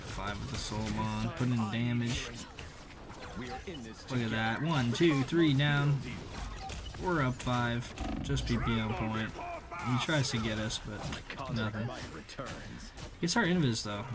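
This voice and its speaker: A young man who makes gaming videos narrates gameplay in loose, slangy commentary while game music and effects play. He speaks slowly at a medium pitch, leaving long pauses.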